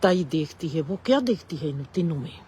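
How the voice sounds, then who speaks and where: A woman telling a reflective spiritual story in a slow, measured way with long pauses. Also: deep voice, lively intonation, warm tone, a little hiss or hum.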